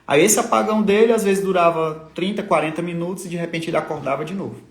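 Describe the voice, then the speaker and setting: A man's voice: high-pitched, a little hiss or hum. Tearful father, echoey room. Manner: tearful, halting, repeats words. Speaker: father of a sick child. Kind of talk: emotional personal testimony on a livestream.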